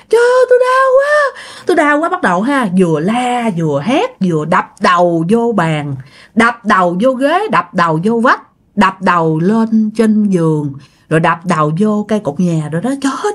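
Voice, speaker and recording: A woman telling a ghost story in a chatty way, talking straight to her listeners. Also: mid-range voice. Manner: chatty, addresses listeners directly.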